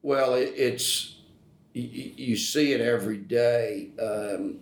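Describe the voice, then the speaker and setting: An older retired man answering podcast interview questions in a halting way, with many fillers and restarts, and growing emotional. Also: medium pitch, gravelly. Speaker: retired college staff guest. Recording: roomy echo.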